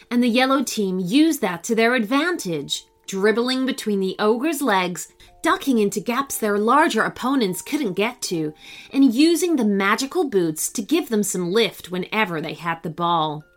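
Expressive woman reading a children's story. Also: mid-range voice. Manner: expressive, animated. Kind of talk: scripted children's story narration.

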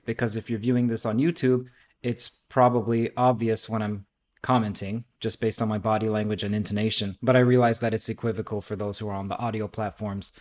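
A man's voice: medium pitch, a little mellow. A man hosting a podcast, reading aloud with commentary in a thoughtful, articulate way. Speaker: podcast host.

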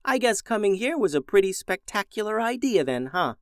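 A man voicing June, an eager, polite young girl who talks excitedly. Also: a little high, normal speed, no echo, clean studio sound, voice pushed up, close to an everyday voice.

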